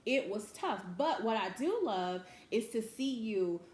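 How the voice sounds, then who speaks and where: A woman's voice: on the high side, lively intonation, a little slow, a little mellow. A woman host and mother talking in a heartfelt, emotional way, often laughing. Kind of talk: emotional casual talk. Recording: echoey room, faint noise.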